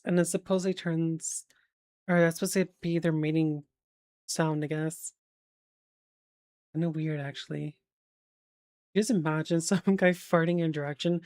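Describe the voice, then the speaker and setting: A woman with a notably low voice chats on a stream, wandering through half-remembered facts with plenty of ums and casual swearing. The sound is dry and close, with no room around it. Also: darkish tone, no room sound. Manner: rambling, filler-heavy, swearing, checks facts aloud.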